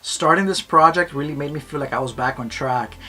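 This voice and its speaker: A man's voice: fairly high pitch, brisk. A man narrating his vlog in a casual, upbeat and heartfelt way, often talking about trusting his heart. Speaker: vlogger. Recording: voice-over with loud music behind.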